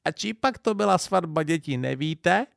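A man's voice: on the high side, lively intonation, vocal fry, a bit bright, no room sound, clean studio sound, voice pushed up, full character voice. A man with a Silesian accent voicing a small, sleepy old grandmother with a thin, childlike little voice in an audiobook. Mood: gentle.

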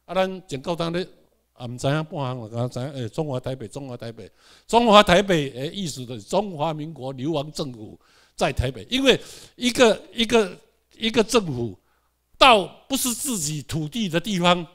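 A man's voice: a little high, sing-song, moderate pace, a bit bright. A man with a Taiwanese accent giving a classroom lecture, asking the audience rhetorical questions and having them repeat words. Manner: mixes in English words.

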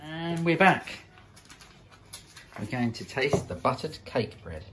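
A man's voice: medium pitch, sing-song, slow pace, background noise. A man from Sussex, co-hosting a home vlog in his kitchen with dry, joking asides. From Sussex, England. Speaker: vlog co-host. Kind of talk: casual home vlog chat.

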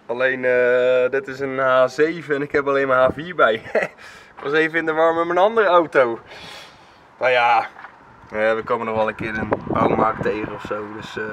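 This young vlogger has a mid-range voice with fairly even intonation and a moderate pace as he talks casually and upbeat to travel vlog viewers, adding playful mouth sounds. Shot on a handheld camera in a car and outdoors, the audio has cut-off highs, a noisy background, and music underneath.

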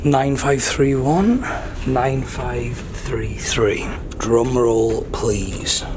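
A young Welsh man from the UK, speaking at a medium pitch and drawing his words out, films a casual travel vlog on a cruise ship's decks, cabins and bar. He's chatty and upbeat, thinking aloud as he walks while holding the camera at arm's length. Background noise can be heard.

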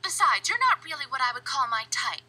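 A woman's voice: high-pitched, sing-song, fairly quick, pushed and bright, heavily acted. A woman voicing a sly, mocking female devil teacher in a cartoon dub. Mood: mocking, accusing. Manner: mocking, insinuating. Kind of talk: animated series dub acting.

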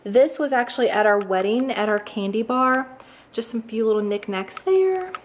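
Her voice is on the high side with lively intonation and a moderate pace as this young lifestyle vlogger tours her large kitchen and dining room. She chats casually and upbeat, with many fillers, and the handheld camera mic picks up a slight hiss or hum.

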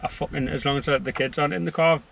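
A man's voice: on the high side, steady tone, very fast, creaky, fairly bright tone. A man, a car owner chatting in a blunt, laid-back way full of swearing. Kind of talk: casual chat. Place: outdoors by a car. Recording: outdoor street noise.

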